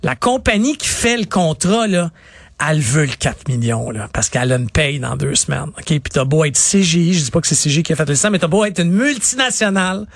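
A middle-aged man with a Quebec French accent, an IT consultant explaining things in an animated way on a talk show. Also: on the high side, brisk, creaky, no echo. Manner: animated, explanatory, acts out clients in quotes. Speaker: IT consultant guest. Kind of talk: radio talk interview.

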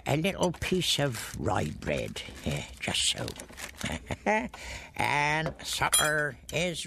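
An actor playing a very old, lonely widowed cobbler who chuckles often, in a radio drama with music underneath. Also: male voice, mid-range voice, gravelly, noisy background, full character voice. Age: older.

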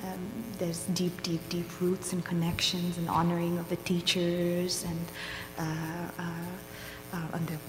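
A woman's voice: on the low side, monotone, over music. Reflective woman speaking in a roomy hall. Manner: reflective, halting, searching for words. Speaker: game composer and singer. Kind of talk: panel discussion.

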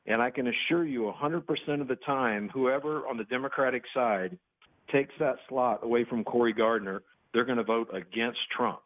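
A man's voice: mid-range voice, moderate pace. A man in his sixties calling in to a talk radio show on a crackly phone line that fades in and out. He rambles and talks insistently, with many restarts. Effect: caller on a crackly phone line that fades in and out. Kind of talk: political call-in talk. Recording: tinny phone line, breaking up.

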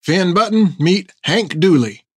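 A man voicing a gruff, folksy male ship's mate speaking in a rustic dialect. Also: high-pitched, expressive, unhurried, no echo, clean studio sound, pitched above the performer's own voice, full character voice. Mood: teasing.

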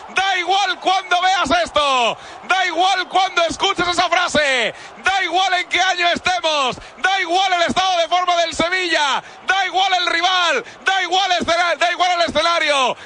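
A man's voice: extremely high pitch, bright, forceful tone. A male football commentator, giving impassioned goal commentary in an emphatic, repetitive build-up. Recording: noisy stadium broadcast clip.

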